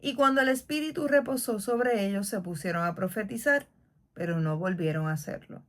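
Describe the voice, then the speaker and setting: A woman's voice: medium pitch, a little fast. Earnest woman reading scripture aloud. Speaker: Bible reading podcast host. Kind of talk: scripture reading after a prayer.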